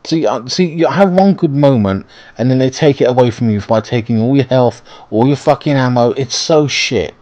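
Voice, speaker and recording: A man's voice: mid-range voice, brisk, hardly any pauses, dark tone. A man giving casual, rambling, sweary commentary as he plays a video game. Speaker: gaming video host.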